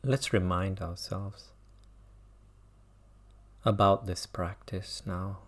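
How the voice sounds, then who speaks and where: Long pauses separate each gentle phrase as a man guides a mindfulness meditation. The teacher's voice is low and his tone steady.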